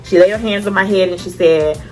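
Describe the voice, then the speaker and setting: A woman vlogger telling a personal story in a chatty way, acting out her own past thoughts with lively asides. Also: mid-range voice, fairly quick, faint music behind. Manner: chatty and conversational, many fillers like "like" and "you know". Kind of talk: casual storytelling vlog.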